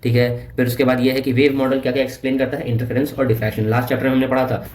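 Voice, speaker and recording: A man giving a casual Hinglish physics revision lecture. He keeps checking in with his students and reads textbook lines out slowly. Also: mid-range voice, level tone, darkish tone. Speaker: NEET physics teacher. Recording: echoey room with faint ambient noise.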